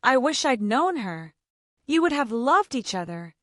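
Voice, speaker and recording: A woman voicing a warm elderly grandfather, gently and tenderly, in a storybook reading. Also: fairly high pitch, sing-song, measured pace, no room sound, studio quality.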